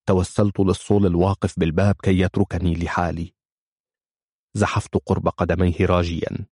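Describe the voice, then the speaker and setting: A man reading a first-person audiobook story in a measured, somber manner. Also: low voice, warm tone, dry recording, clean studio sound. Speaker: audiobook narrator.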